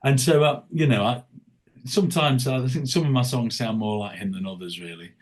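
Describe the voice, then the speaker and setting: This mid-range male voice moves fairly quickly. As a podcast guest who performs as a tribute singer, he chats informally, meandering, restarting often, and using many fillers.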